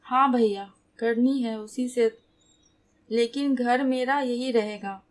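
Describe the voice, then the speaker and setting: Brief: a woman doing a young bride-to-be, teary and stubborn, pouting, rather high and slow. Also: fairly even intonation. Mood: upset.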